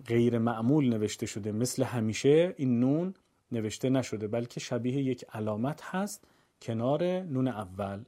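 A man teaching a Quran recitation lesson, calmly explaining the rules and then chanting the verses slowly and melodically. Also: medium pitch. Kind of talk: tajweed lesson.

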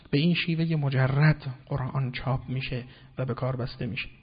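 A man's voice: fairly high pitch, husky. Male religious lecturer, formal and explanatory, quotes Arabic verses, dull lo-fi sound, long echoing hall. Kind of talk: religious lecture on Quranic wording.

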